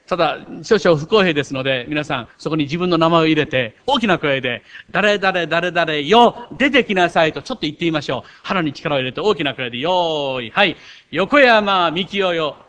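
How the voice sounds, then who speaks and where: A man preaching a sermon as pastor, animated, with self-mocking asides. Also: a little high, fast talker, few pauses. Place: church.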